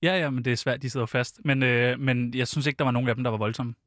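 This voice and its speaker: A man's voice: mid-range voice, fairly even intonation, fairly bright tone, soft background music. A man co-hosting a satirical comedy podcast in a studio, playful and mock-earnest. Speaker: podcast co-host.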